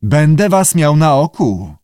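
A man's voice: fairly high pitch, very animated, unhurried, a little mellow, no room sound, clean studio sound, voice pushed up. A man playing a stern, pompous older male zoo director with a clipped manner.

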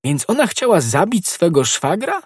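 A man voicing a boisterous, simple-minded musketeer in an audiobook, loud and exclaiming in a high voice. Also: huge pitch swings, normal speed, slightly rough, dry recording, studio quality, full character voice. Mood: shocked.

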